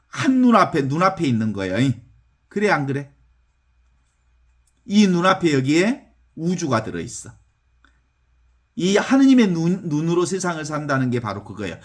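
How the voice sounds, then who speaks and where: A middle-aged man preaches in a folksy, animated manner, often turning to his listeners to ask whether they agree. His voice sits high and swings widely in pitch as he talks. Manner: animated, folksy, asks listeners "right or not?". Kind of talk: sermon with text reading.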